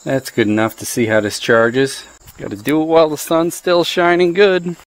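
A middle-aged product reviewer with a slightly high voice talks at normal speed in a flat delivery. Out in a driveway, he casually reviews gear hands-on, thinking aloud and cracking dry jokes, recorded on a body-worn action camera.

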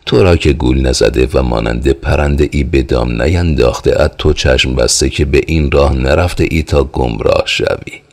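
A man's voice: very deep voice, vocal fry, hardly any pauses, a little mellow, heavily acted. A man reading the lines of a worldly, joking friend who chides and reassures, in an audiobook. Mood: chiding. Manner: easygoing, chiding, reassuring. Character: worldly joking male friend, teasing and persuasive.

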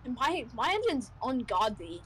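A woman's voice: on the high side, big pitch swings, moderate pace, fairly bright tone, husky, rough recording. A woman co-hosting a gaming video in casual chat, bossy and teasing with playful drama.

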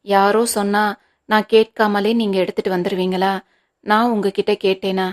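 A woman's voice: medium pitch, flat delivery, normal speed, lightly acted. A woman reading the part of an angry, stubborn young wife in a storybook, speaking sharply and indignantly.

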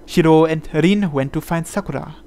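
Over game music, a man voices a visual novel playthrough indoors, delivering it as dramatic scripted narration. His pitch is fairly high, his tone warm, and he speaks at a normal speed.

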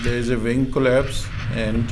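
A man giving slow, matter-of-fact voice-over commentary on video clips. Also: mid-range voice, level tone, background noise. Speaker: compilation narrator.

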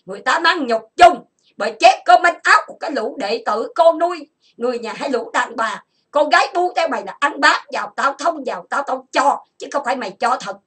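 A woman from Vietnam who hosts an online chat room, delivering an angry monologue full of insults and grievances, listed in rapid bursts. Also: high-pitched, expressive, fairly bright tone.

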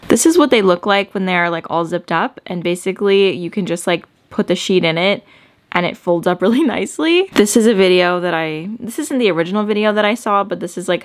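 A young adult woman chatting casually as she vlogs about organizing her home, rambling with lots of filler words. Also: medium pitch. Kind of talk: casual chat. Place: at home, indoors.

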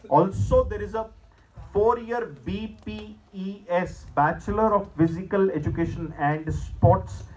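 Male lecturer, middle-aged, Indian accent, slightly high voice, emphatic and measured delivery to students. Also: darkish tone, poor audio. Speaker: presenter at a school career seminar. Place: school hall stage, indoors at a podium.

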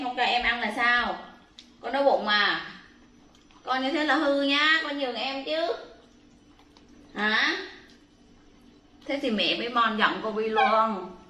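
Woman, motherly chiding, repetitive baby talk, slightly high voice, echoey room. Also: bright, forceful tone. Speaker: pet monkey owner. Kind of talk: scolding a pet like a mother.

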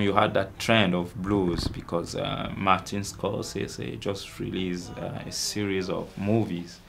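A young Cameroonian man, a musician, answering interview questions in a halting way, with many fillers and restarts. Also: deep voice, vocal fry, a bit bright. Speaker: musician guest.

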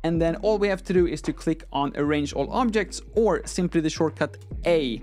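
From a desk in a small indoor room, a young man who isn't a native English speaker leads an informal software tutorial, taking it one step at a time in conversation. He talks at normal speed in a slightly high voice into a close mic on an arm.

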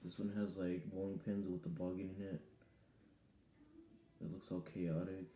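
A man's voice: sits low, flat delivery, measured pace, warm tone, reverberant, a little hiss or hum. A teenage boy vlogging casually to camera from his bedroom, rambling and hesitant with lots of ums. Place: small bedroom indoors. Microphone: webcam or phone at arm's length.

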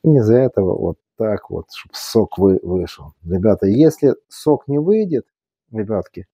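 Male cooking host, Odesa Russian accent with Yiddish flavor, very dark mellow tone, close dry sound, folksy and casual. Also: fairly low pitch, lively intonation, moderate pace, slightly rough, no echo. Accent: Odesa Russian, Yiddish-tinged. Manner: folksy, repetitive, fond of affectionate diminutives.

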